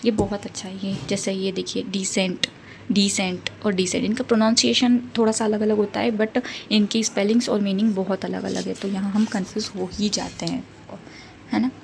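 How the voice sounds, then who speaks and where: Woman doing a casual book review, reads word lists out loud, keeps checking in, bit of vocal fry. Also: mid-range voice, level tone, normal speed, background noise. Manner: mixes English vocabulary into Hindi explanation.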